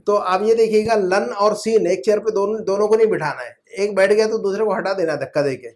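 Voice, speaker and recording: A man's voice: high voice, darkish tone. A man teaching a class at home, patient and repetitive, drilling his students with questions. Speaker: Arabic grammar teacher. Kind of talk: online class explaining in Urdu.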